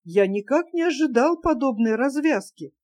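A woman reading a classic novel aloud with calm, measured storytelling. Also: sits high. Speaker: narrator. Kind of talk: literary audiobook reading.

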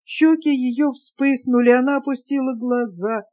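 A woman narrates a classic novel in a measured, storytelling manner. Her voice is mellow and darker in tone, though pitched somewhat high. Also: fairly even intonation. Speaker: audiobook reader. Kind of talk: literary audiobook narration.

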